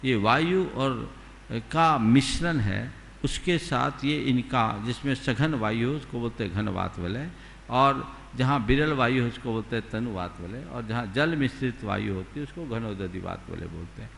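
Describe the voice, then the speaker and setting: Monk giving a slow sermon, gravelly voice, big echoey hall w faint hiss. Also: male voice, mid-range voice, animated, fairly bright tone. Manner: slow, deliberate teaching with rhetorical questions. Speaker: Jain monk. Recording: long hall reverb, faint background noise.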